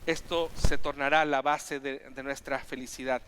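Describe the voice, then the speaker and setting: A man preaching a sermon as pastor, animated, with frequent restarts and repetitions. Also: mid-range voice, normal speed, in a large hall, slight background noise. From Chile. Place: church sanctuary.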